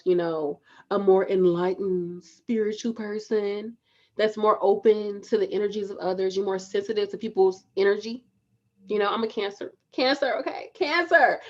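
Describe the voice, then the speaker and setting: A woman's voice: medium pitch, a little mellow, muffled recording. Emphatic woman in her thirties, urging viewers. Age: 30s. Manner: emphatic, repeats lines to urge viewers on; casual, talks straight to viewers. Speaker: spiritual vlogger. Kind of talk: motivational direct-to-camera talk.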